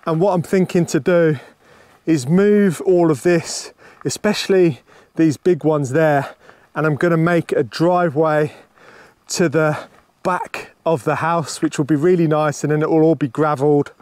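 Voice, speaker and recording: A man's voice: fairly high pitch, fairly even intonation, unhurried, a little mellow, no room sound. A young man chatting upbeat to a camera held at arm's length, walking around his rural land outdoors. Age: young adult. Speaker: homestead vlogger. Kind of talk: casual vlog to camera.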